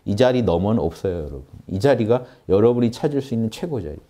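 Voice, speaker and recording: A man's voice: fairly low pitch, sing-song, fast talker, warm tone. A man teaching meditation in an earnest lecture, repeating key phrases and lifting his voice on the questions he poses. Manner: earnest, repetitive, rising emphasis on key words. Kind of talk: spiritual lecture.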